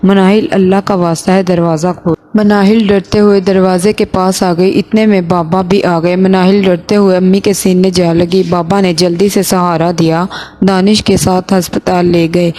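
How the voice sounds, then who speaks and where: A woman reading a moral story aloud in a steady, earnest way. Her voice is low-pitched with a dark, mellow tone. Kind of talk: scripted story narration.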